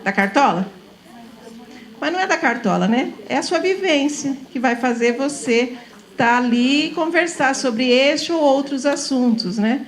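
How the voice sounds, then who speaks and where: A middle-aged woman from São Paulo talks to a room of teachers in a high, lively voice. She lectures informally and chattily, laughs easily, and keeps tossing the audience little questions for agreement. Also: measured pace. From São Paulo, Brazil.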